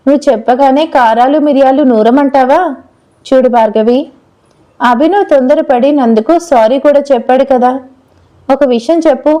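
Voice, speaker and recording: A woman's voice: high voice, dark tone, rough recording. A woman voicing a playful, fiery young woman who teases and scolds her friend in a storybook love tale. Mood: prodding. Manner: teasing, then heated.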